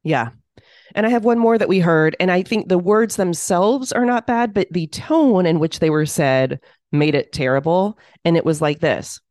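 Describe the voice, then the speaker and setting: A woman co-hosting a casual podcast as a running coach, telling stories in a measured way. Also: fairly low pitch, a little mellow, no room sound, clean studio sound. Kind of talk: casual chat.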